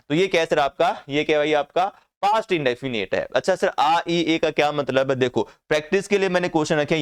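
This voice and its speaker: A man's voice: mid-range voice, smooth. A man teaching an English grammar class, often asking the class questions and answering them himself.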